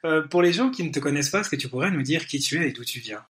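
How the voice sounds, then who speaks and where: A man's voice: fairly high pitch, lively intonation, racing, a bit bright. A man hosting a podcast interview, chatting in a friendly, joking way and asking questions. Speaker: podcast host. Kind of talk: casual interview chat.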